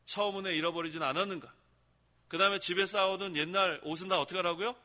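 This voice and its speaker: A man's voice: sits high, steady tone, fast, pushed and bright. A man pastor preaching a sermon in a church, often asking the congregation questions and repeating key phrases. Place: church sanctuary. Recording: echoey church hall.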